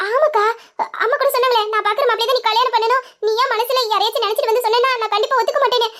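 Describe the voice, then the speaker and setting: A woman's voice: extremely high pitch, steady tone, rapid-fire, a bit bright. A woman voicing a cheerful young woman who laughs as she soothes her worried elder sister. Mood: puzzled. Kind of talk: Tamil audio story acting.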